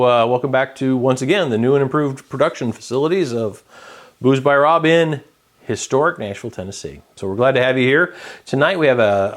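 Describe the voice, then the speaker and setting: A man hosting his own cocktail vlog, explaining a drink step by step in a relaxed, chatty way with many fillers. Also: medium pitch. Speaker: home bartender host. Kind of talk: casual cocktail-making vlog.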